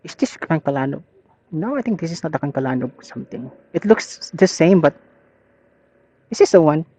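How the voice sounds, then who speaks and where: Riding a motorbike along rural roads, a man with a Filipino accent rambles casually as a motorcycle vlogger, thinking aloud in an easygoing way. His voice is fairly high, expressive, mellow and slightly rough, at a moderate pace. It's captured through a helmet intercom headset, so the audio sounds muffled.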